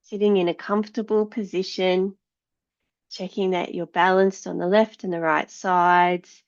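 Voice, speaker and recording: A yoga teacher guides a meditation in a lowish, calm, soothing voice, moving at an unhurried pace. She speaks in short phrases separated by long pauses, and the recording sounds a little dull and muffled.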